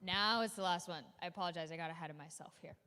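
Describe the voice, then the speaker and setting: A woman's voice: lowish voice, racing, pushed and bright, clean tone. A woman co-hosting a gala auction, chatting about each prize in an upbeat way with casual asides. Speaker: gala co-host presenting auction items. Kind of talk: casual emcee presentation. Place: large hall at a school gala. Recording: long hall reverb.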